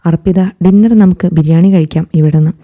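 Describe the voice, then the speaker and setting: A woman voicing a caring young man who speaks gently and reassuringly. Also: fairly low pitch, steady tone, fairly quick, phone-quality sound, close to an everyday voice.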